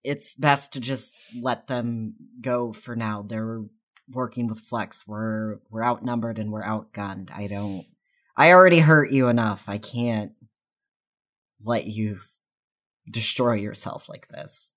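A woman playing a weary, gentle man who pleads softly with a friend. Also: extremely low pitch, takes it slowly. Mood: pleading. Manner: soft-spoken, pleading.

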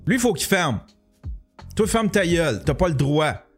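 Sarcastic Québécois man, high-pitched. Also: very animated, normal speed, husky, soft background music. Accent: Québécois French. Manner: sarcastic, profane, ranting. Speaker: online show host. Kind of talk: sarcastic live-stream commentary.

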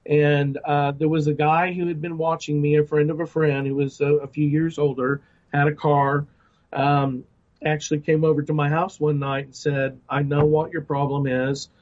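Man, middle-aged, testimony interview, earnest, halting with fillers, slightly high voice, muffled lo-fi audio. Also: flat delivery, a little mellow. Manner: earnest storytelling, many restarts and fillers. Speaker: guest ministry director. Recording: dull lo-fi sound.

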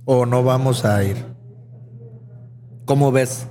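A man with a Sinaloan accent chatting casually in a restaurant, slangy and relaxed, often checking that he is understood. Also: medium pitch, takes it slowly. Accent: Sinaloan Mexican Spanish. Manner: relaxed, slangy, keeps asking "sí me explico". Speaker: co-host. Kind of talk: casual chat.

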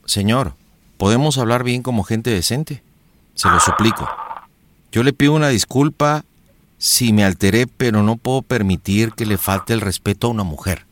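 A man's voice: on the low side, normal speed, slight background noise, voice pushed down, close to an everyday voice. A man plays a brash young boyfriend on a prank call, mocking and then theatrically formal. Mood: mock-polite. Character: brash young boyfriend turned mock-polite. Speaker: radio prank host.

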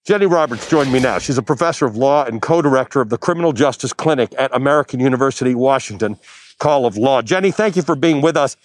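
A man's voice: medium pitch, quick pace, no room sound. A man hosting a news program, delivering pointed commentary and then interviewing a guest, with emphatic, persuasive delivery. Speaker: news host. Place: outdoors near a courthouse.

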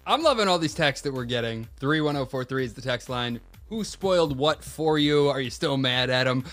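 A man's voice: mid-range voice, expressive, normal speed, a bit bright, soft background music. A man co-hosting a radio show, reading listener texts aloud in a chatty way. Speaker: radio co-host. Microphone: studio microphone.

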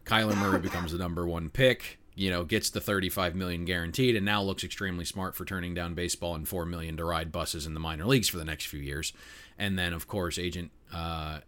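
A man's voice: low voice, steady tone, fairly quick, a bit bright. A man co-hosting a sports betting podcast, talking casually and opinionatedly with lots of fillers. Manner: opinionated, rambling with frequent fillers. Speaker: podcast co-host.

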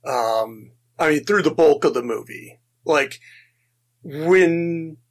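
Man, husky voice, unhurried, laughs a lot, casual film podcast co-host. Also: a little high, animated. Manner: enthusiastic, laughs often, restarts sentences.

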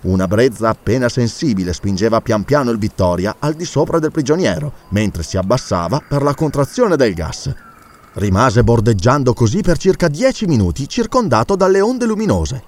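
A man reading a classic adventure novel aloud as an audiobook, with an expressive, dramatic delivery. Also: medium pitch, moderate pace. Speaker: audiobook narrator. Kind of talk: audiobook narration.

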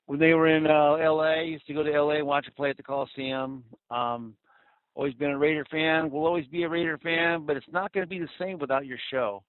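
A man's voice: a little high, a little fast, no room sound. A man from Southern California, a caller to a fan radio show, talking bluntly and with animation over a phone line. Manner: blunt, animated, swings loud and soft. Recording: tinny dry phone line.

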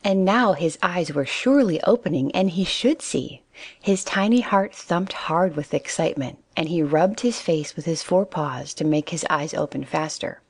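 A woman narrating a children's storybook in a calm, steady reading voice. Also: lowish voice, normal speed, slightly rough, no room sound.

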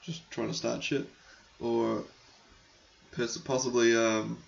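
On a lo-fi recording, a hockey podcast host answers listener questions in a mid-range voice, gravelly and croaky because he's losing it. He speaks slowly and levelly, clears his throat a lot, and rambles in a candid, sometimes crude manner.

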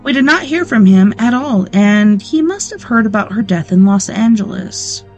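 A woman's voice: on the high side, animated, normal speed, a little mellow, faint music behind. A woman hosting a late-night show, reading a true-crime book aloud and breaking off into blunt, sarcastic asides with swearing. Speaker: weekend show host.

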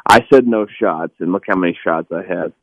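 Low, groggy hungover man caller. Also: brisk, dry recording, muffled recording. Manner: stammering, groggy. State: hungover, lying in bed. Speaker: radio caller. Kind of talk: casual phone call-in chat.

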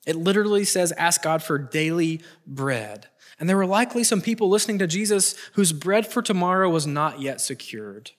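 Here a middle-aged man preaches from a prepared text, his high-sitting voice expressive, earnest and emphatic. Repeated phrases and deliberate pauses lend his message weight.

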